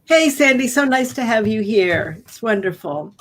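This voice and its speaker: A woman's voice: a little high, expressive, moderate pace. Bubbly woman co-hosting a live stream. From United States. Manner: bubbly, enthusiastic, many ums. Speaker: co-host.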